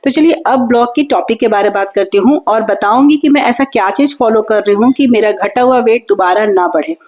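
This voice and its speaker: A middle-aged woman from India, hurriedly talking through her day in a rambling, chatty vlog voice-over, recorded in a quiet room. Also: on the high side, lo-fi sound. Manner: rambling, hurried chatty talk with frequent fillers. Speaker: housewife vlogger.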